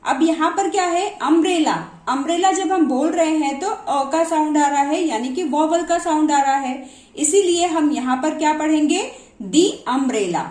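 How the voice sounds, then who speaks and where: A woman's voice: high voice, moderate pace, a little mellow. A woman teaching English pronunciation, explaining in a mix of Hindi and English and asking and answering her own questions. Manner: mixes Hindi and English words. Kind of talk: slow explanatory lesson. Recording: echoey room.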